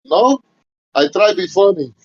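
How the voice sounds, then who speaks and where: A man doing a high accented prank caller on a dull phone line. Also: animated, normal speed, dry recording. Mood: insistent. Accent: put-on Mexican Spanish accent. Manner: broken English, cursing in Spanish, high nasal put-on voice. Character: adult male phone caller with a put-on Mexican accent, pushy job seeker.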